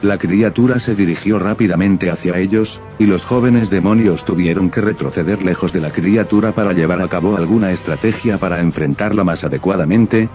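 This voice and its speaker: Deep-voiced male story narrator. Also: darkish tone. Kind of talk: scripted narration of a fantasy fan story.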